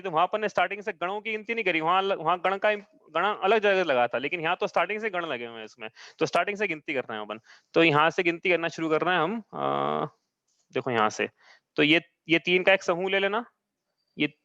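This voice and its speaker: A man's voice: sits high, pushed and bright, no room sound. A man teaching an online class over a video call, explaining patiently step by step and often checking that his students follow. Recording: dull dry online-call audio.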